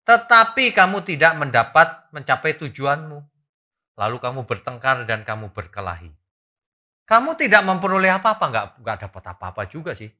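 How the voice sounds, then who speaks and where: A man preaching a church sermon, animated and rising loud for emphasis as he asks the congregation questions. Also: medium pitch, a little fast. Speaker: pastor.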